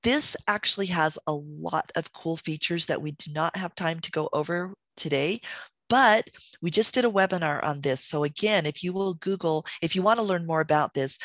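A woman's voice: fairly low pitch, normal speed, no room sound. A woman teaching a beginner family history class, enthusiastic and friendly, her voice worn from talking. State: losing her voice.

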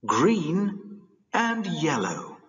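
A man reading a scripted language-course drill in a deliberate, exaggerated way for children. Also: a little high, wildly swooping pitch, a bit bright, dull audio, exaggerated voice. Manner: very clear, deliberate, exaggerated intonation. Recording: reverberant playback of course audio.

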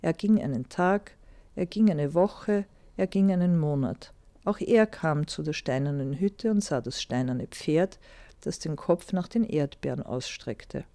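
Mellow woman reading a fairy tale. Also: sits low, lively intonation, a little slow, no echo.

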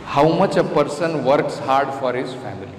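A man's voice: mid-range voice, expressive, normal speed. A middle-aged man with an Indian accent giving an emphatic scripture lecture, repeating phrases for stress. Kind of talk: scripture lecture with everyday examples. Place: indoor temple lecture room. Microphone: stand microphone close to the mouth. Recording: roomy hall reverb, faint background noise.

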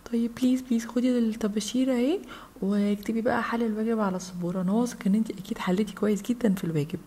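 A woman's voice: fairly high pitch, fairly even intonation, rapid-fire, mellow, slightly rough. A woman with an Egyptian Arabic accent voicing a shy, lovestruck schoolboy toy doll who speaks eagerly and coaxingly.

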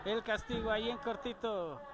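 A man calling lucha libre live as a wrestling commentator, emphatic and often shouting in drawn-out phrases. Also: sits high, heavy background noise.

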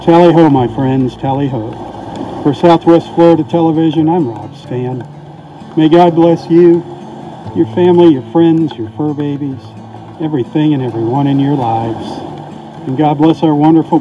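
A man with a dark, mellow voice pitched a little high gives an easygoing beach update out in the rain. The sound is tinny and boxed-in, as if from inside a can, because his camera is sealed in a weatherproof case. He talks like a friendly neighbor. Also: normal speed, a little hiss or hum. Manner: easygoing and folksy, signs off with blessings. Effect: tinny, muffled audio from a camera in a weatherproof housing. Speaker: beach reporter. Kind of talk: casual on-location weather report. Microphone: camera mic inside a weatherproof housing. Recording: muffled tinny camera audio.

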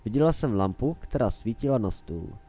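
A man with a lowish voice reads a fan-made horror story in a plain, steady narration. Soft background music runs faintly under his voice. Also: rough recording.

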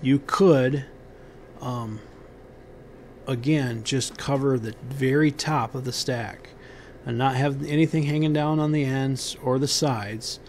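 A man giving unscripted how-to instructions on a building site outdoors, pausing often with ums and restarting his sentences. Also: medium pitch, darkish tone, slight background noise. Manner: halting, many ums and restarts.

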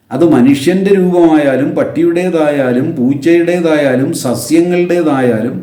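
A man giving a religious lecture on a Sanskrit hymn, patiently explaining with everyday examples and slowly drawing out the sacred names. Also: fairly high pitch, warm tone, roomy sound. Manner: slow, drawn-out chanting of sacred names.

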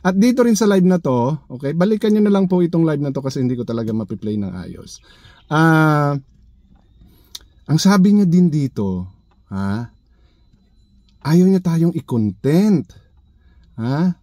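A man's voice: a little high, big pitch swings, a little slow, long pauses, mellow, no echo, studio quality. Sarcastic man needling in a vlog. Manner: sarcastic, needling, full of rhetorical questions. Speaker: vlogger. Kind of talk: reaction commentary vlog.

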